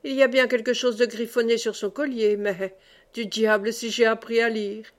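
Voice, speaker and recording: A woman reading as a rough medieval huntsman. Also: a little high, flat delivery, moderate pace, close to an everyday voice. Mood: matter-of-fact. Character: rough medieval male huntsman calling hounds.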